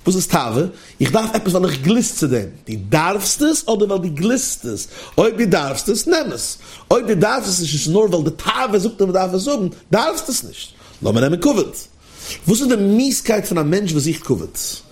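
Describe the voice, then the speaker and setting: A man giving a sermon in a lively, questioning, sing-song manner. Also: high-pitched, moderate pace. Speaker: religious teacher. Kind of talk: sermon to listeners.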